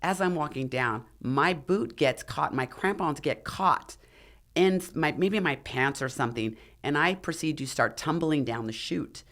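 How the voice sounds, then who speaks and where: A woman's voice: low voice, measured pace. A middle-aged woman, a podcast guest, telling a dramatic story in a casual interview and acting out what others said. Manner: animated, acts out the dialogue of others. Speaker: podcast guest, former figure competitor and mountaineer.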